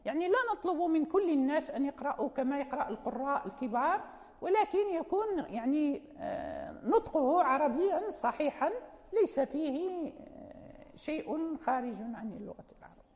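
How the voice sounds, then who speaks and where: High-voiced Moroccan woman lecturing. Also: sing-song, brisk, a little mellow. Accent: Moroccan Arabic. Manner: explanatory, with fillers and self-corrections. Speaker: teacher of Quran recitation. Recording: muffled sound with long hall reverb.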